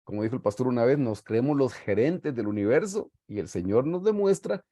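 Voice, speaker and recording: A man's voice: medium pitch, lively intonation, brisk, no room sound, clean studio sound. A middle-aged man, teaching a Bible study in an earnest preaching style over a video call and often calling his listeners "brothers". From Guatemala. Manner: earnest, warm pastoral storytelling, often saying "hermanos". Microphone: video call mic.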